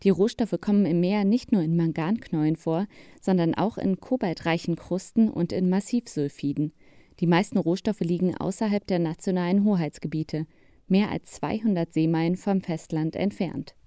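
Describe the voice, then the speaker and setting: Mellow female nature documentary narrator. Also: lowish voice, normal speed, no echo, clean studio sound. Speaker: narrator of a science report.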